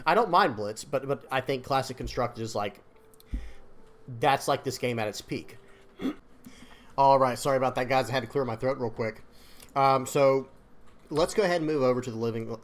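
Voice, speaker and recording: Man, card game channel host, casual commentary, medium pitch, rambling, repeats and restarts words, earnest, apologetic. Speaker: card game content creator.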